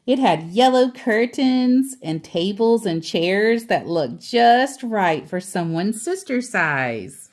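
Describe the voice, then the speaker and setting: At a medium pitch, a woman reads out a story for children. Her phrasing is emphatic and unhurried yet full of expression, and she tosses in easygoing asides.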